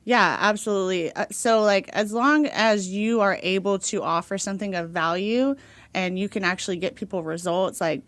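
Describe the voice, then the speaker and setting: Woman from Houston, young adult, chatty and rambling, slightly low voice, podcast guest. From Houston, Texas. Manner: chatty, rambling, many fillers and laughs. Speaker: podcast guest, dog trainer. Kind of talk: casual interview chat.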